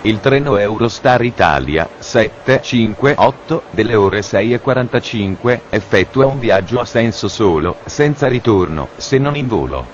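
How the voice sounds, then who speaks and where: A man making deadpan, formal mock train announcements, as if heard over a train station PA system. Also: fairly low pitch, unhurried, few pauses, highs cut off, slight background noise.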